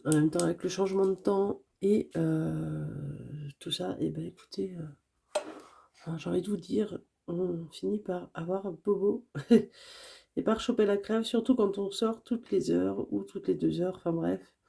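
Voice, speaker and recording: A woman with a hoarse voice from a cold talks casually to camera about her budget. Her voice is dark and gravelly, with plenty of creak. She hesitates often and keeps correcting herself. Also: on the low side, steady tone, measured pace. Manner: hesitant, many fillers and self-corrections. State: sick, voice going hoarse. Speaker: budget vlogger.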